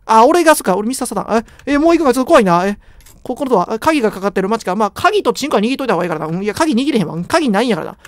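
A man's voice: very high-pitched, sing-song, racing, dry recording. A young man with a Kansai accent giving joking, rambling commentary while playing a horror game. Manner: joking, rambling, self-deprecating banter. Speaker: game streamer.

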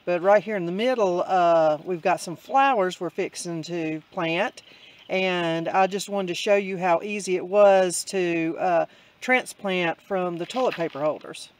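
A person filming and narrating homestead chores in a relaxed, step-by-step way. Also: medium pitch, a little slow, rough recording. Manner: easygoing, explains step by step with fillers. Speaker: camera operator and co-narrator. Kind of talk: casual vlog narration.

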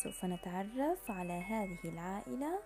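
A woman's voice: medium pitch, lively intonation, moderate pace. A woman teacher narrating a scripted lesson for young pupils, reading out examples in a didactic, dictating manner and prompting them as she goes. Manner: addresses pupils with praise and prompting questions. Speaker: primary school Arabic teacher. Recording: music behind the voice.

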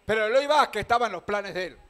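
A man with a Venezuelan accent preaching a sermon, calling out questions to the congregation and swinging between loud proclaiming and quiet talk. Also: high voice, expressive, fast talker. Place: church hall.

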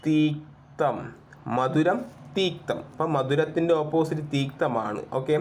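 A man runs an exam prep lesson in a fairly high voice. He quizzes the listener aloud and says every answer again and again, drilling it in. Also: moderate pace, slight background noise. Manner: repeats each answer several times, quizzing aloud. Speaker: exam coaching teacher.

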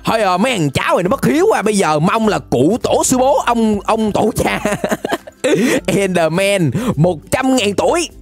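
A woman giving excited, playful Minecraft gameplay commentary, laughing often and rapidly repeating words. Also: medium pitch, slightly rough, soft background music. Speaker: gaming channel host.

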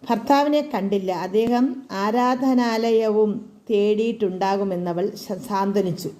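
A woman narrating a literary folk tale in a deliberate, careful reading style. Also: mid-range voice, mellow. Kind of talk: storybook narration.

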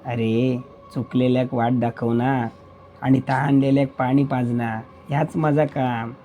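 In this spoken horror tale, a gentle old forest guardian spirit, put on by a male narrator, talks in a calm, cryptic, reassuring way. He has a Malvani accent and a mellow, dark tone. His pitch sits in an ordinary middle range. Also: measured pace, slight background noise, natural voice.

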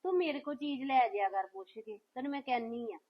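A woman's voice: fairly high pitch, fast talker, dull audio. A Punjabi woman acting a family member in a village drama, reasoning and lecturing a relative.

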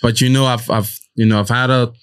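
A man hosting a podcast in casual chat, talking haltingly with many restarts. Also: mid-range voice, steady tone, clean tone. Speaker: podcast host.

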